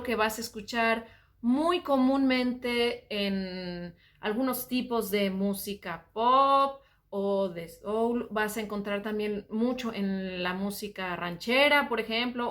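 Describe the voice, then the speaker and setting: A Mexican woman teaching voice, calmly explaining singing technique and often saying "ajá". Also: on the high side, slow.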